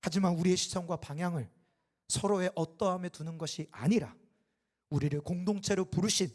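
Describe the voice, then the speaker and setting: A man preaching a Sunday sermon as a pastor, building to impassioned loud peaks and falling back to quiet, and acting out the dialogue in his stories. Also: high-pitched, brisk. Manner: acts out quoted dialogue in the telling. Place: church sanctuary.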